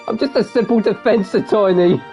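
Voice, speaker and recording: A man's voice: sits high, brisk, mellow, soft background music, voice pushed up, close to an everyday voice. A man voicing a flustered young male defense attorney with a put-on Irish accent, in a bewildered, raised manner.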